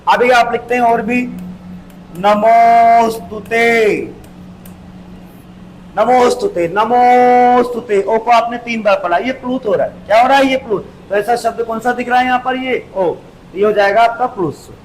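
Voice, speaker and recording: A male teacher giving an exam-prep grammar lesson, explaining step by step, repeating key terms and drawing sounds out slowly. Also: very high-pitched, a little hiss or hum, poor audio.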